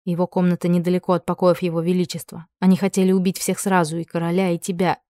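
Brief: anxious, stubborn young duchess, breathless and emotional, warm mellow tone, read by a woman narrator. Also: fairly low pitch, little pitch movement, quick pace, no room sound, clean studio sound, close to an everyday voice.

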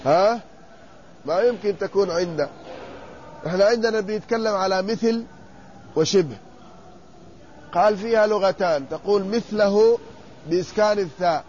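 A man teaching a classroom lesson, stretching out word forms slowly and quizzing his students. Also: high-pitched, a little mellow. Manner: drawn-out repetition of word forms, questioning students. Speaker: sheikh teaching inheritance law. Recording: muffled lo-fi lecture recording with faint noise.

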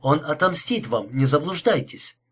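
A desperate young man pleads urgently, as a male audiobook reader voices him. The voice is husky and a little high. It stays close to the reader's own sound. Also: sing-song, normal speed.

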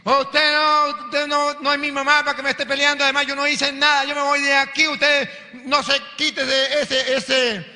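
A man's voice: extremely high pitch, completely flat delivery, moderate pace, hardly any pauses, pushed and bright, in a large hall, pitched above the performer's own voice, exaggerated voice. A man, a priest, voicing a young novice nun talking back in anger within his sermon story. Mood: indignant.

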